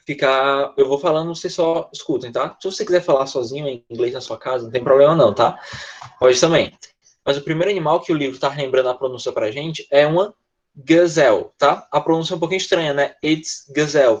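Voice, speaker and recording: A man's voice: fairly high pitch, lo-fi sound. A man with a Brazilian Portuguese accent teaching English in an online class, patient and repetitive, often checking with his students.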